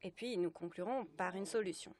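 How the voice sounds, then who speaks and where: A woman working as a simultaneous interpreter, giving a live spoken translation of a lecture in halting phrases with self-corrections. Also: mid-range voice, darkish tone.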